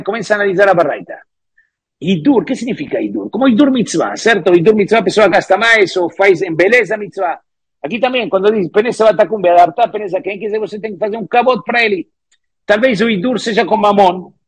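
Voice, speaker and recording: Husky high-voiced man teaching Talmud. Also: no echo. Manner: reads Hebrew and Aramaic phrases, then explains them with repeated "¿cierto?". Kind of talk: Talmud class explaining a text line by line.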